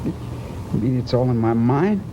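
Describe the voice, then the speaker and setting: A man's voice: mid-range voice, animated, moderate pace, lightly acted. An actor playing a haunted, guilt-ridden man confessing his fear of death, intense and brooding in the manner of 1950s television drama. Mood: haunted dread. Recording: muffled, noisy old television soundtrack.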